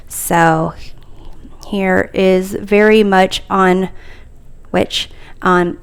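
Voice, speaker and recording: A woman's voice: on the low side, clear, resonant tone. A woman reviewing tarot decks in a casual chat, talking hesitantly and thinking aloud with frequent fillers.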